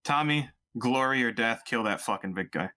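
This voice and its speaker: A man's voice: medium pitch, moderate pace, sharp tone. A man playing in a tabletop game, joking in brash banter. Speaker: player.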